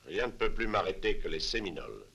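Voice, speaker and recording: A man's voice: deep voice, sing-song, fairly quick, creaky, pushed and bright, breathy edge, exaggerated voice. A man playing a confident army captain in a dubbed adventure film, with a clipped, authoritative way of speaking. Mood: composed, assured. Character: confident, resolute army captain addressing his men.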